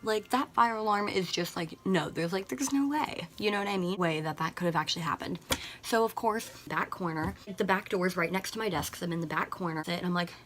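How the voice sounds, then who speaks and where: A woman's voice: on the low side, a little fast, fairly bright tone. A teenage girl telling a storytime on her vlog, rambling and full of "like" and slang. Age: teens. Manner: rambling, heavy use of "like", slangy. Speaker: vlogger. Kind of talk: casual storytime.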